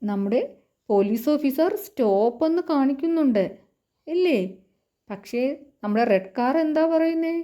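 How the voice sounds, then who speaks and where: This teacher's voice is high-pitched, animated, and mellow, carrying a Malayali accent. Teaching young children, she reads from a storybook in a sing-song way, drawing out the English lines slowly.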